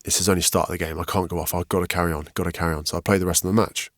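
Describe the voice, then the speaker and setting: A man, a podcast guest, telling his story candidly and frankly, getting animated when he quotes other people. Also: low-pitched, rapid-fire, no room sound, clean studio sound. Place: podcast studio.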